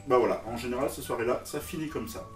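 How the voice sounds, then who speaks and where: A man's voice: mid-range voice, rapid-fire, echoey room, distant mic, soft background music. A man from Alsace with an Alsatian French accent, giving a jokey, teasing comic monologue straight to his viewers. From Alsace, France. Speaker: vlogger.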